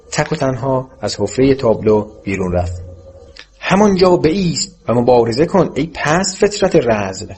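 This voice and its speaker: A man narrating an audiobook with a steady, measured reading. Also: lowish voice, a little hiss or hum.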